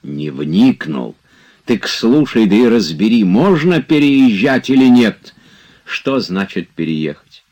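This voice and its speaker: A man doing an exasperated idle gentleman. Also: lowish voice, very animated, takes it slowly, pitched above the performer's own voice, full character voice. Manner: exasperated, reproachful. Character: idle, touchy gentleman, easily upset.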